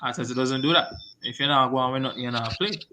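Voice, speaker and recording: A man's voice: mid-range voice, fast talker. A man in a casual football podcast, arguing his side with heat and repetition. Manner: argumentative, gets loud and repetitive when heated. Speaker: podcast co-host, Arsenal fan.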